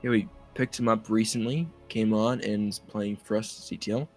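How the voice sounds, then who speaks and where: A man's voice: on the low side, fairly even intonation, moderate pace. Man, esports caster, live commentary, explanatory, headset, faint background music. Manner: chatty, explains plays.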